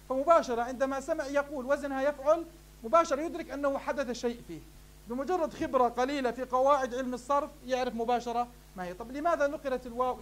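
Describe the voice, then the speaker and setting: A man, teaching morphology in a classroom lecture, asking questions and answering them himself. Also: very high-pitched. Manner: addresses the class warmly as "beloved ones". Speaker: sheikh teaching Arabic morphology.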